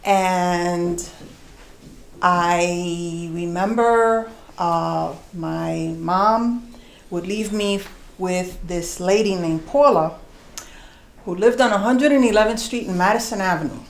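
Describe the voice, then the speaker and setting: A new storyteller, a woman from New York, USA, performs live at a concert venue before an audience, her fairly low voice reverberating. She's animated and conversational, acting out voices and slowing down for emphasis.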